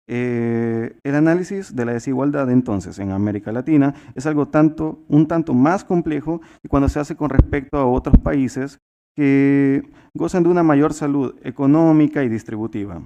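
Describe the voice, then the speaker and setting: Speaking earnestly at a youth summit, a twenty-something man from El Salvador gives a formal talk full of fillers and restarts. He has a warm, medium-pitched voice.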